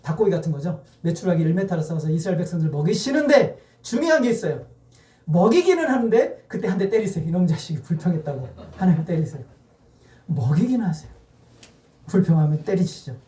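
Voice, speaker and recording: A male pastor preaching a sermon in a church sanctuary, animated and firing rhetorical questions at the congregation. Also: high-pitched, brisk. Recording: echoey church hall.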